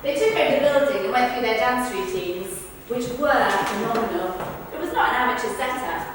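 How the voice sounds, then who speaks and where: A woman practices delivering verbatim witness accounts for the stage, keeping it conversational while projecting. Her voice is fairly high, expressive, brisk and natural, heard from a distance in an echoey hall with slight noise.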